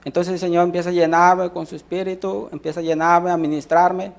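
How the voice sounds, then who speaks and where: A man's voice: high voice, flat delivery, fairly quick, gravelly. A man with a Mexican Spanish accent giving a sermon testimony, telling his story with many restarts and voicing the people in it. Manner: storytelling, acts out quoted dialogue, frequent restarts.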